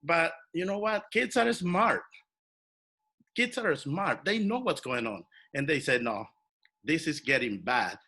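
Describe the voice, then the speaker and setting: A man from El Salvador, a community organizer, telling his own story in an animated way on a video call. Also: fairly high pitch, a little slow. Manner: animated, personal storytelling with fillers. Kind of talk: online workshop talk.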